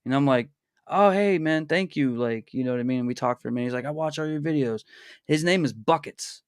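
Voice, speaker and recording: A man's voice: mid-range voice, fairly even intonation, fast talker, smooth, dry recording, studio quality. Laid-back slangy young male host. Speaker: podcast host. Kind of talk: casual livestream chat.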